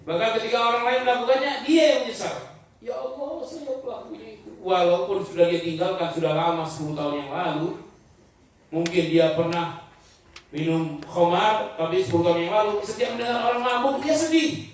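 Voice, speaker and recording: A man with a high voice delivers an online Islamic sermon, far from the microphone in a strongly echoing room. He chants Arabic phrases and then explains them in everyday speech. He acts out the prayers of a repentant sinner with rising emotion. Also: brisk, a little hiss or hum. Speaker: preacher.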